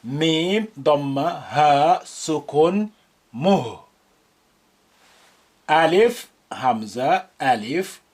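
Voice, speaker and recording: Very slow, deliberate Arabic drill teacher. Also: mid-range voice, slightly rough. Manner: spells each letter with its vowel mark, then joins the syllable. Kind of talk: slow syllable-by-syllable reading drill.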